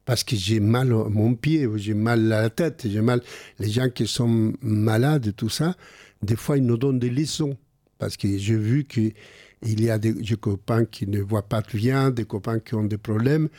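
A man's voice: fairly low pitch, unhurried, dark tone, no room sound, clean studio sound. An older man with a heavy non-native French accent, talking earnestly in a casual conversation and often repeating words while he looks for the phrasing.

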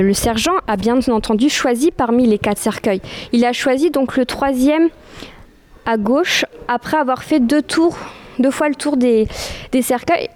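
A woman's voice: fairly high pitch, a little mellow, no room sound. A woman giving an informal history lecture, often hesitating and restarting her sentences. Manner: hesitant, many restarts and fillers. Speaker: speaker giving a history talk.

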